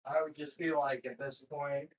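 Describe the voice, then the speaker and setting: A man's voice: on the high side, level tone, moderate pace. A man chatting casually about gaming, crude and profane, playing at mock anger in banter. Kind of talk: casual chat.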